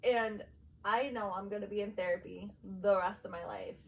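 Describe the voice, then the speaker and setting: Candid and conversational, this thirtysomething podcast co-host shares personal stories at a moderate pace. Her mid-range voice comes through a distant mic over a faint, steady hum of background noise.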